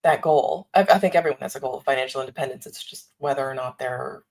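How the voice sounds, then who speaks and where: A woman's voice: very deep voice, quick pace, vocal fry, a little mellow, low-quality recording. A woman hosting a casual live stream, thinking aloud with fillers and small laughs, talking into a desktop microphone. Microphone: desktop USB microphone.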